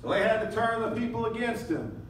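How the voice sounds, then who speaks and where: High and sing-song, the preacher's voice moves a little fast as he delivers a theatrical sermon, voicing members of the crowd and crying out in lament. Captured from afar in a reverberant room, the clip carries slight background noise.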